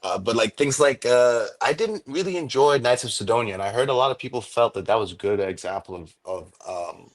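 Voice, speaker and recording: Animated and a little fast, this guest content creator talks in a mid-range voice with hardly any pauses. He's eager in the casual conversation, constantly dropping fillers such as "like" and "um".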